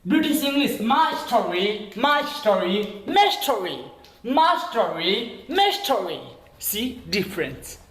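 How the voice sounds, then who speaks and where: Over a video call, a Nepali-accented man gives an online English lesson, spelling words letter by letter and checking in with the class repeatedly. His voice is high, slightly bright and slow, with big, bouncy pitch swings. The audio sounds roomy and echoey.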